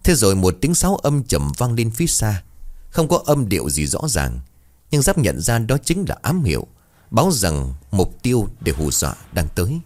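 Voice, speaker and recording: A man narrating a ghost story in a dramatic, expressive way. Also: on the low side, normal speed.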